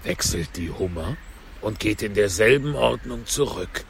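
A man voicing a gruff, boisterous male griffin in a deep, slow, rumbling voice, reading outdoors on a park bench. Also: expressive, slight background noise.

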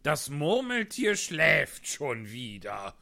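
Brief: blustery hatter, raised and emphatic, drawn-out, man reading. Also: a little high, huge pitch swings, vocal fry, no room sound, voice pushed up, full character voice. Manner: loud, emphatic, grumbling. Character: excitable grumbling male hatter. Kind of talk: storybook reading.

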